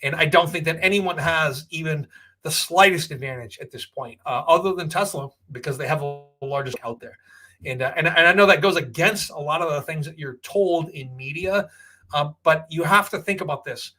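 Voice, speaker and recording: An American man from Texas hosts a casual Q&A, answering viewer questions on finance with opinionated, off-the-cuff explanations and checking in with the listener along the way. His voice is on the high side, pushed and bright, at a moderate pace.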